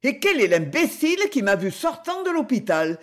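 A woman's voice: sits high, sing-song, normal speed, fairly bright tone, voice pushed up. A woman reading as a bold young woman detective. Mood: haughty.

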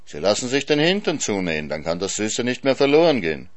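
A man's voice: fairly low pitch, big pitch swings, fast talker, no echo. A man reading a storybook, voicing a sly trickster hare who coaxes and teases. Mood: teasing. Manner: teasing, coaxing.

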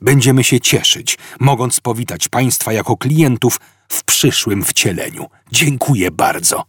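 A man's voice: mid-range voice, expressive, measured pace, fairly bright tone, slightly rough, dry recording, clean studio sound. A man voicing an icy, mock-courteous recorded planet announcement in an audiobook. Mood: icy polite. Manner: frosty, formal, mock-courteous.

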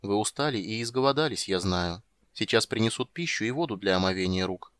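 A man reading an audiobook, voicing an ancient, wise female unicorn who guards the forest, in a deep, resonant, calm and stately manner. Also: fairly quick, clean tone, no echo. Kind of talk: audiobook character voice.

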